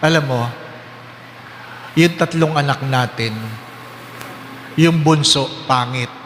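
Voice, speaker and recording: A priest lowers his voice to play a dying husband, pleading softly and probing for a hidden truth. The sound rings with long hall reverb. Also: slow, a little hiss or hum. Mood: coaxing. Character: dying middle-aged husband, coaxing and suspicious. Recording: roomy hall reverb with faint ambience.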